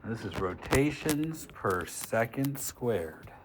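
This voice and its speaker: A man's voice: medium pitch, animated, slow, noisy background. A man teaching a physics class, joking with students while talking step by step through a worked example. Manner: joking, chatty, talks through arithmetic step by step. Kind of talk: classroom lecture, working an example.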